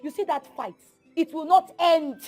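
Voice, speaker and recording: A woman's voice: high-pitched, normal speed, a little mellow, faint music behind, close to an everyday voice. A Nigerian woman acting a vengeful, boastful, hot-tempered village woman in a film drama, emphatic and threatening.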